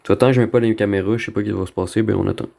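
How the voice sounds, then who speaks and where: This gamer from Quebec, Canada, speaks with a Québécois French accent in loose, wandering commentary full of slang and bits of English. His low-leaning voice holds a steady tone, races along with vocal fry, and sounds a little mellow.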